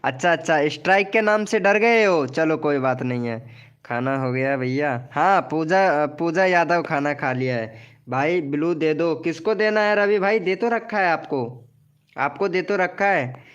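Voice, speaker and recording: A man's voice: a little high, unhurried, a bit bright, smooth, dull audio. A man hosting a casual live stream who promotes viewers' channels, teases them jokingly and calls each of them by name.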